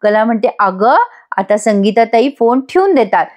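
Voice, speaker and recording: A woman's voice: on the high side, moderate pace, a little mellow. A woman narrating a voice-over recap of a TV serial episode, speaking to viewers. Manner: chatty retelling, addresses viewers.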